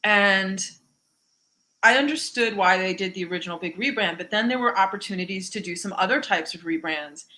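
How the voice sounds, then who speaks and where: A woman's voice: mid-range voice, a little fast, bright, forceful tone. A woman hosting a podcast, talking in a reflective, chatty way with fillers. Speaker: podcast host. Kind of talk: conversational interview.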